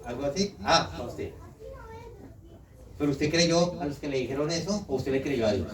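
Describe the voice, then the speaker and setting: A Colombian man preaching in a lively voice, somewhat high for a man. He sits back from the mic in a roomy, echoing hall, and a congregation can be heard around him. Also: moderate pace, crowd noise. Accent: Colombian Spanish. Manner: lively preaching, teasing the congregation with questions and mock quotes. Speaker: visiting pastor. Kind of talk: sermon. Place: church hall. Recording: echoey hall, mic far off, congregation audible.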